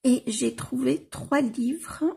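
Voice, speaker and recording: A French woman talks about her books in a relaxed vlog, often pausing to search for words and restarting her sentences. Her voice sits a little high but has a husky, gravelly texture. She speaks slowly, with plenty of fillers along the way. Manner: hesitant, many fillers and restarts. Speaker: book vlogger. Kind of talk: casual chat about books.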